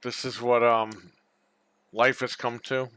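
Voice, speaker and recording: A man's voice: mid-range voice, little pitch movement, takes it slowly, a bit bright, dry recording. A man co-hosting a casual gaming livestream, blunt and profane, reading viewer messages aloud. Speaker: podcast co-host.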